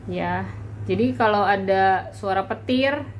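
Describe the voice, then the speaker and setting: A woman's voice: medium pitch, slow pace, slight background noise. A young woman hosting a parenting channel, with an Indonesian accent, casually explaining a checklist step by step and addressing viewers as "Mam".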